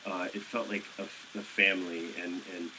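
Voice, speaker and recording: Deep-voiced man, halting and hesitant. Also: little pitch movement. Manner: halting, searching for words, many fillers. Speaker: actor interviewed at an event. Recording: noisy live event audio.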